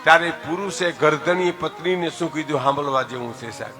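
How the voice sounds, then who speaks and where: An older man from telling a folk tale, addressing his listeners directly and swinging between soft asides and loud exclamations. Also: on the high side, fairly quick, over music. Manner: lively storyteller, often addresses listeners as "saheb". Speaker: folk storyteller.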